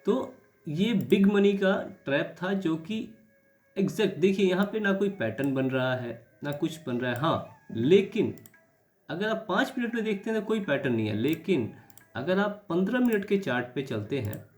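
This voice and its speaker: Male trading teacher, hoarse and throat-clearing, slightly raised pitch, soft music bed. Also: very animated, normal speed. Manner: reflective, repeats key words. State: sore throat. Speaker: stock market trading educator. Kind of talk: chart analysis lesson.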